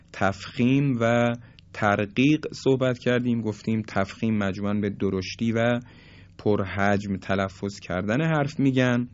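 A man giving a recorded lesson on Quran recitation to listeners, explaining rules and slowly drawing out example words. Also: fairly low pitch. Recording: dull lo-fi recording.

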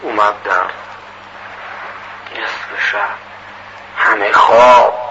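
A man preaching through a moral story, animated and acting out its dialogue, on a muffled recording with loud hiss. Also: mid-range voice. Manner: animated, acts out dialogue, quick asides.

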